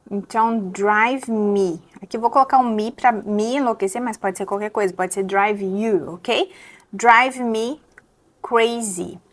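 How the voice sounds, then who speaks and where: A young adult woman with a Brazilian Portuguese accent, teaching English pronunciation step by step and repeating words slowly to model them. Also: fairly high pitch. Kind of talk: pronunciation lesson.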